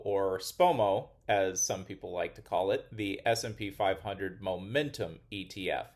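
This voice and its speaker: Low-voiced man explaining investing. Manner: measured, critical explainer. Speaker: investing channel host. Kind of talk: scripted finance commentary.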